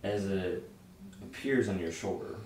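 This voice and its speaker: A man narrating a tabletop game as game master, improvising in a halting way. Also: low voice, darkish tone. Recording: echoey, distant mic, faint noise.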